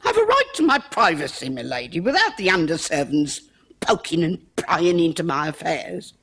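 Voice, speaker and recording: An actress playing an older household cook in a period television drama. The cook is proud and touchy, speaks in working-class phrasing, and turns tearful and lonely. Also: female voice, lowish voice, big pitch swings, moderate pace, fairly bright tone, slightly rough, exaggerated voice. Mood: defensive.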